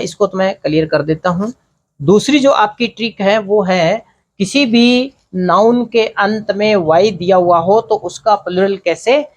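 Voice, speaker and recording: A man with an Indian accent teaching English grammar at a board, asking questions and answering them himself, step by step. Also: high-pitched. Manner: explains step by step, asks and answers his own questions. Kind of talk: blackboard grammar lesson.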